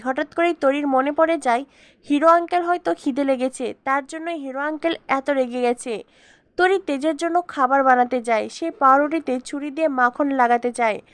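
A woman reading a scripted story recap in an even, steady way. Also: sits high, dry recording. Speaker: narrator.

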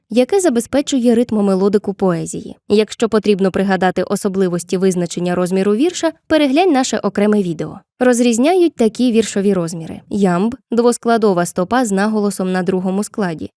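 A woman narrating a scripted literature lesson with clear, measured explanations, slowing down to read poem lines. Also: mid-range voice, warm tone, no echo, clean studio sound. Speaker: teacher.

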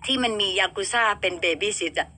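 A woman's voice: mid-range voice, fast, sharp tone. A woman in her thirties hosting a radio show, chatting casually and throwing rhetorical questions at listeners and her co-host.

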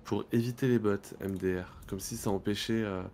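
Low-voiced man chatting while gaming. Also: fairly even intonation, a little fast, darkish tone. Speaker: game streamer. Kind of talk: casual chat while gaming.

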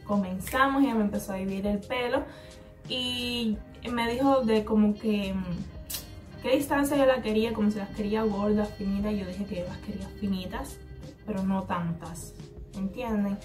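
A woman with a Cuban Spanish accent tells a rambling storytime in a loose, chatty way, slipping into the voices of the people in it. Her voice sits at an ordinary middle pitch. She is picked up a little away from the mic, with faint music running underneath. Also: moderate pace. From Cuba. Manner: chatty, rambling, acts out the other person's replies. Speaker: hair vlogger. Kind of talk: casual storytime vlog. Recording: slightly distant mic with faint background music.

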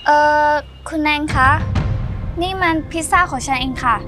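A very high young woman's voice by an actress, playing a mistreated migrant building labourer in a melodramatic short. She protests earnestly and insistently, with clear music underneath. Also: moderate pace, lightly acted. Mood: pleading, protesting. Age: young adult. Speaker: actor in short drama. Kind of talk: acted melodrama dialogue. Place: outdoors at a building site.

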